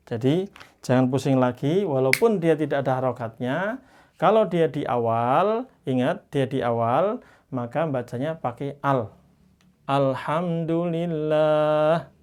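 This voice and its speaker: A man teaching Quran reading in a class, patiently explaining and slowly modelling each Arabic word. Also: medium pitch, a little mellow. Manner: patient, slows down to model Arabic words drawn out; explains by pointing at written examples.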